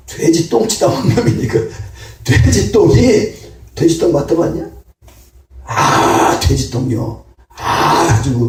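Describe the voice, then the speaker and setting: A man's voice: fairly high pitch, a little mellow. A man preaching a sermon as pastor, in a folksy, colloquial way, acting out the voices of people in his stories. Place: church sanctuary. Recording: echoey church hall, mic at a distance.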